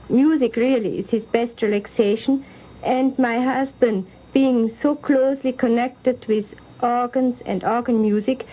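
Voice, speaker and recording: On a dull old radio recording from the 1950s, a high-voiced, middle-aged woman is interviewed. As the daughter of the programme's subject, she offers a prepared personal account.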